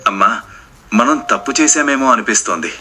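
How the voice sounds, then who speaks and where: A man's voice: lowish voice, expressive, fairly quick, bright, forceful tone, faint music behind. A man voicing a remorseful, weak-willed young groom in a spoken family drama, with a sorrowful, subdued delivery. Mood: regretful.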